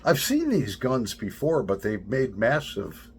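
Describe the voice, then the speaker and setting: Gravelly, folksy, slow-talking middle-aged man. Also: mid-range voice, wildly swooping pitch, slight background noise. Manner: laughing, profane, folksy. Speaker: vlogger. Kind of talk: casual storytelling.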